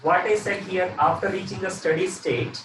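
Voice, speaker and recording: A man's voice: high voice, steady tone, normal speed. Male teacher, South Indian accent, live lesson delivery with repeated phrases; roomy, noisy recording. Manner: repeats phrases, often tags with "okay". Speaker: physics teacher. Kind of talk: live lesson, working through problems and questioning a student. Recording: roomy echo, distant mic, noisy background.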